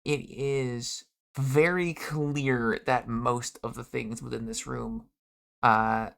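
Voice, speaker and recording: A man narrating a tabletop game as game master, describing scenes in a halting way with frequent ums and uhs. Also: mid-range voice, gravelly, a bit bright.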